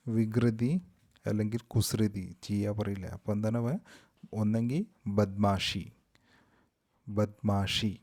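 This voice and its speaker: Slow Malayali man teaching vocabulary. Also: on the low side, darkish tone. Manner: slow, repeats each word twice. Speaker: language teacher. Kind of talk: vocabulary lesson.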